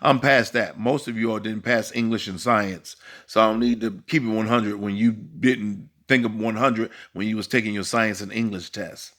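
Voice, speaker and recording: A man's voice: lowish voice, fairly even intonation, moderate pace, few pauses, a bit bright. Emphatic, preachy man in his fifties. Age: 50s. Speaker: dating and life coach. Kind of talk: motivational monologue.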